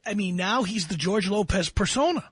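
A man's voice: high-pitched, expressive, moderate pace, breathy edge, dry recording. A man hosting a call-in radio show, giving blunt, lecturing career advice to a caller. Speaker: radio talk show host.

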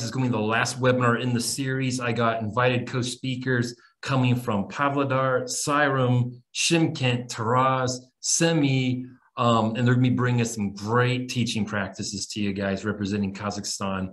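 An American man in his thirties, an English teacher trainer, hosts an online webinar for teachers over a video call from a small room. He's informal and encouraging, calling his listeners "guys," with a mid-range, steady voice at a moderate pace and a slightly bright quality.

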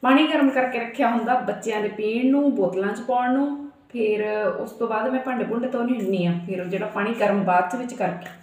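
A woman's voice: fairly high pitch, brisk, roomy sound. A woman with a Punjabi accent chatting casually in a home vlog, teasing and laughing often as she talks. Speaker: vlogger.

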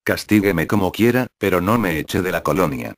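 A man reading the lines of a defiant teenage boy from a juvenile colony, in a curt, even delivery. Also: low voice, normal speed, no echo, clean studio sound. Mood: subdued.

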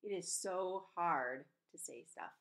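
A woman in her forties reads a novel aloud slowly, her voice low-ish and creaky yet still animated and expressive. Now and then she stumbles and corrects herself. She's at home in a small indoor room, speaking into a computer webcam mic at desk distance.

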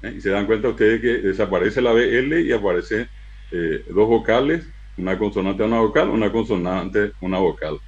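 A man giving a university lecture on language, spelling out syllables slowly and with emphasis. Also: fairly low pitch, lo-fi sound. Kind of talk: lecture to an auditorium.

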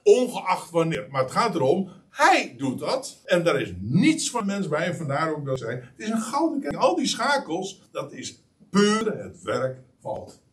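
A man preaching a sermon, emphatic and animated, with frequent pauses and restarts. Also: a little high, distant mic. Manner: lively, emphatic preaching with many hesitations. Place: church meeting hall.

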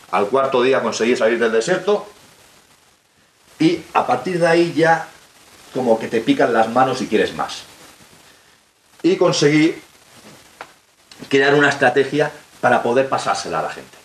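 Guy giving a talk to kids, lots of rhetorical questions, echoey hall, bit of hiss. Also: medium pitch. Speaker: guest speaker. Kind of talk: motivational talk to young audience. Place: local hall with audience. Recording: roomy hall, faint background hiss.

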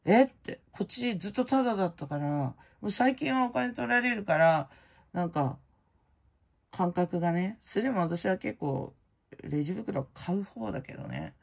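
A middle-aged woman hosting her own channel, chatting casually in a blunt, slangy way full of fillers, and loud-voiced by her own account. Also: medium pitch, expressive, moderate pace, vocal fry, slightly rough. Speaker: prize-winning vlogger host. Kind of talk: casual chat.

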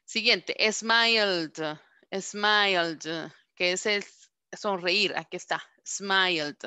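A woman's voice: medium pitch, pushed and bright, clean tone, dry recording. Woman teacher drilling English verbs patiently. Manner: patient, repeats words slowly to drill pronunciation. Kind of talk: online class teaching.

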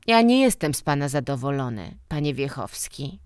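A woman's voice: extremely low pitch, very animated, normal speed, darkish tone, smooth, no room sound, clean studio sound. A woman reading a story voices a stern, mocking middle-aged man, a school director who scolds and lectures. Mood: scornful.

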